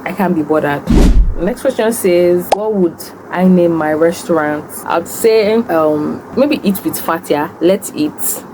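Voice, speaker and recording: A young woman with a Nigerian accent and a low-pitched voice talks as she eats. She tells stories and answers questions in a casual mukbang style. A clear background noise, like an air-conditioning hum, runs under her voice. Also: unhurried. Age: young adult. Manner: talks while eating. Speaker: food vlogger and host.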